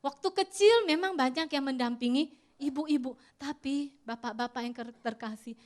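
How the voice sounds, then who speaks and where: A woman's voice: sits high, normal speed. A woman with an Indonesian accent preaching an interactive church sermon, often asking the congregation questions. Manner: lively, asks the congregation questions.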